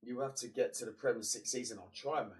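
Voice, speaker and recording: This streamer plays a football management game, chatty and matey, muttering to himself in between, his voice congested and partly gone. He speaks at medium pitch with a steady tone and quick pace. The mic sits some way off.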